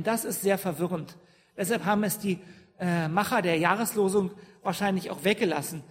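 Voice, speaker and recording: A woman's voice: mid-range voice, a little mellow. A woman pastor giving a sermon to her congregation, often asking them questions and checking in with "ja?". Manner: engages the congregation with questions and frequent "ja?". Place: church. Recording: long church reverb.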